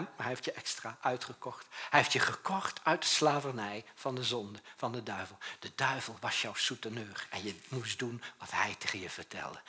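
A man preaching a sermon as pastor, in a conversational way, swinging between loud urgent bursts and quiet, low passages. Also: breathy edge. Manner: conversational preaching, often tags on a questioning "hè?".

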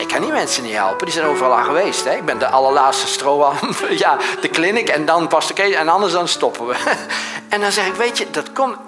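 Middle-aged male pastor preaching over soft background music, shifting between animated stories and quiet hushed passages. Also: a little high. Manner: anecdotal, swings from loud and animated to soft and hushed. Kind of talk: sermon.

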